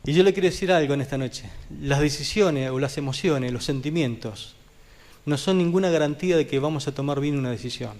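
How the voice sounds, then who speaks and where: A man preaching a sermon as pastor, talking vehemently and putting questions to the congregation, with sudden swings from loud high peaks to quiet low drops. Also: fairly quick. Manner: addresses the congregation directly with questions. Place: church.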